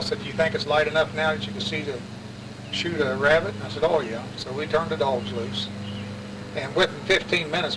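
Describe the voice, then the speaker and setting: An older man with an Appalachian West Virginia accent, telling family stories in a rambling, colloquial, folksy way. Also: fairly high pitch. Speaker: interviewee sharing family memories. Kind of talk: casual oral-history storytelling. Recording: distant mic, clear outdoor traffic noise.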